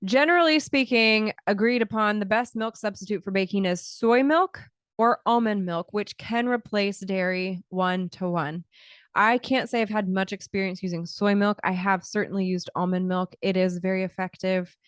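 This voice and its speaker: A woman in her thirties talks through a solo health podcast in a relaxed, explanatory way, often restarting her sentences. Her voice is smooth and clear at a middle pitch. She speaks close to a studio mic in a dry, dead room. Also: moderate pace, no echo. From Scotland, early childhood. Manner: conversational, explanatory, frequent restarts and fillers. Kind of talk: casual solo podcast talk. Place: small home studio, indoors. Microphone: large studio mic close to the mouth.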